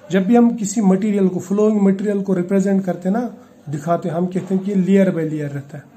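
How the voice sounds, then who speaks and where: A man with a high, mellow voice delivers a chemistry lecture. He explains each idea step by step, slips English technical terms into his Hindi, and keeps checking that his students follow. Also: steady tone, brisk. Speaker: chemistry teacher. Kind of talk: classroom lecture.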